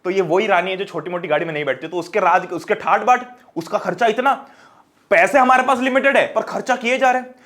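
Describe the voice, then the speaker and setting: A man in his twenties teaches an online class with a lot of energy. He talks quickly in a fairly high voice and speaks straight to his students in a chatty way. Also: fairly bright tone. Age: 20s.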